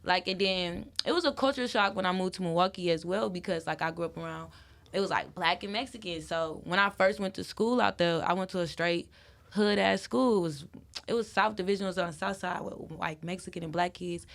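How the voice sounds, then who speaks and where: A woman's voice: fairly low pitch, a little fast, vocal fry. A young woman from Wisconsin, a guest in a casual interview, talking loosely with lots of "like" and frequent laughter. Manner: loose and animated, heavy use of "like", laughs often.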